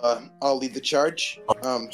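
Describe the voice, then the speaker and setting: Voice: medium pitch, measured pace, soft background music. A player in a tabletop game talking casually, restarting and correcting himself as he goes. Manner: rambling, self-correcting.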